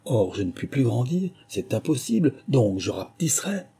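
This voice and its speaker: A man's voice: medium pitch, sing-song, moderate pace, creaky, warm tone, breathy edge, exaggerated voice. A man voicing a curious, bold little girl in a storybook reading.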